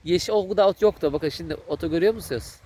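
A man, vlogging outdoors in a village and excitedly calling to a dog. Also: a little high, very fast. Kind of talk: casual vlog commentary.

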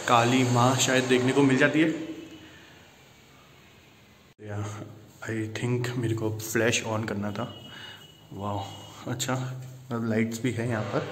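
A travel vlogger with a medium-pitched voice narrates as he walks through a man-made underground temple cave. He exclaims often and mixes English into his Hindi, and his handheld phone recording has a little hiss or hum.

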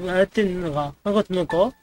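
A man's voice: high voice, darkish tone, a little hiss or hum. A man casually commenting and joking while playing a dating game. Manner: quick, joking reactions to the game. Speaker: let's play host.

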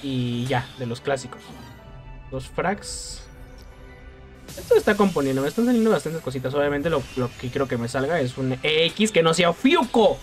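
A man's voice: fairly high pitch, lively intonation, moderate pace, soft background music. A man with a Mexican accent giving casual gameplay commentary, exasperated and self-mocking and laughing often. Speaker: gaming youtuber.

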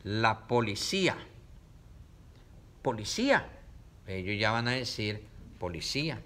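A man teaches children to read, slowly sounding out words syllable by syllable and repeating them, filmed by a camera set up in front of him. His voice is on the low side and sharp in tone, with big swings in pitch.

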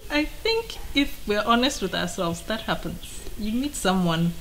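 A woman's voice: mid-range voice, animated, unhurried, a bit bright, slight background noise. A woman in her thirties with a Ghanaian accent, answering interview questions in a thoughtful, explanatory way. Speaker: writer being interviewed. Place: indoors on a sofa by shelves of mugs.

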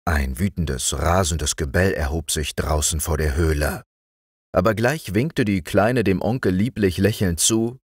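A man narrating a fairy tale as a calm bedtime audiobook reader. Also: deep voice, a little slow, slightly rough, dry recording, studio quality. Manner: calm, expressive storytelling.

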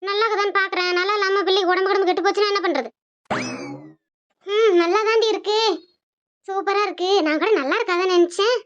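A voice artist voicing a greedy, self-pitying old grandmother who is a sharp-tongued mother-in-law in a cartoon. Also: very high voice, fairly even intonation, fast, long pauses, lo-fi sound. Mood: pleased. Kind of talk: Tamil cartoon dubbing.

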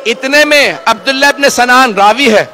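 A male cleric delivering a mourning sermon, impassioned and rising to wailing shouts as he addresses the gathering directly. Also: very high-pitched, moderate pace.

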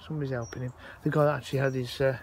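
An informal, rambling walk-around vlog from an allotment, filmed and narrated by a man holding his phone. He fires off words rapidly in a flat, mid-range voice, and the outdoor recording is noisy.

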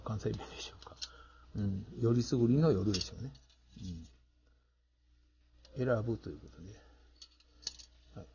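A man's voice: mid-range voice, creaky, darkish tone, lo-fi sound, a little hiss or hum. Kansai-accented man narrating a model build. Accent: Kansai Japanese. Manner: mumbling to himself while working, chatty. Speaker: model kit builder vlogger. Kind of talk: casual hands-on narration.

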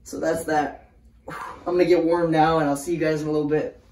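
A man's voice: a little high, level tone, fairly quick, darkish tone. A young man chatting casually to the camera as a vlogger. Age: young adult. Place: small home bathroom, indoors. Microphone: camera a few steps away. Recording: echoey room, distant mic, noisy.

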